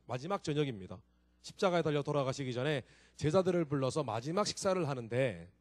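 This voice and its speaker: A man preaching a sermon to young adults in a church, telling the story with lively acted-out quarrels and questions to the congregation. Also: a little high, no echo. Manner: asks the congregation questions and admits slips. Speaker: pastor. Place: church sanctuary.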